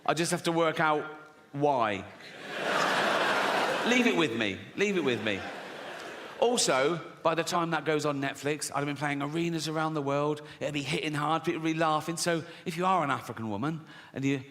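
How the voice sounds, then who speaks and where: A man's voice: fairly high pitch, moderate pace, a bit bright, a little hiss or hum. A man performing a stand-up comedy routine, provocative, sardonic and profane.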